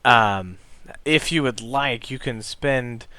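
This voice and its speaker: A young man running a tabletop game as game master, narrating in a rambling way with many pauses and restarts. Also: mid-range voice, bright, forceful tone, smooth. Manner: rambling, full of ums and restarts.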